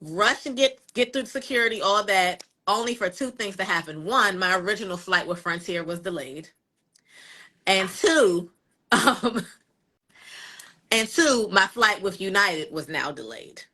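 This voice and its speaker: Animated, bright-voiced woman. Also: mid-range voice, a little slow. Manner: animated, dramatic retelling with asides to listeners. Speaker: co-host. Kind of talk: casual storytelling chat.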